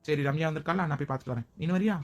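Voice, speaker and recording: A woman playing a gentle, caring young husband who reassures his wife. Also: sits low, racing.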